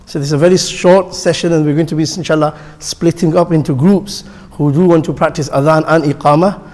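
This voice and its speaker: A man with a high-pitched voice leads a pronunciation lesson for the call to prayer. He speaks patiently, repeating each point and demonstrating the sounds himself. His voice carries a long reverb from a large hall. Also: fairly even intonation, brisk, a little mellow. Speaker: instructor teaching the call to prayer. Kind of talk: classroom instruction. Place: mosque hall.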